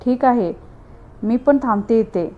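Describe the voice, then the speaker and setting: A caring young neighbor, the older-sister type, speaks gently and coaxingly, as a woman reads her part. Her voice sits a little high. The recording sounds slightly dull and lo-fi. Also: lively intonation, unhurried. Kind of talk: storybook reading.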